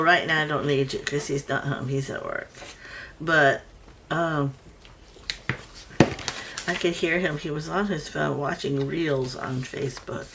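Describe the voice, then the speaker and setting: A woman's voice: sits low, background noise. A woman vlogging casually from her home craft room, rambling and chatty as she works on a project. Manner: rambling, chatty, with many restarts. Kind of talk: casual crafting chat while working.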